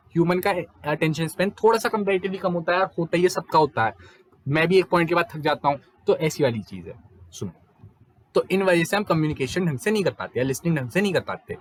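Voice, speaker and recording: Young male tutor, slightly high voice, chatty exam-prep lecture, code-switches between Hindi and English, keeps asking rhetorical questions. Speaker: teacher.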